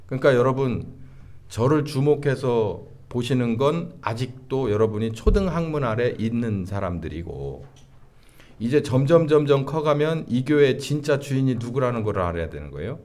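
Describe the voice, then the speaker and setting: A middle-aged male pastor delivering a sermon slowly and deliberately, with frequent filler sounds between phrases. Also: medium pitch, expressive, darkish tone.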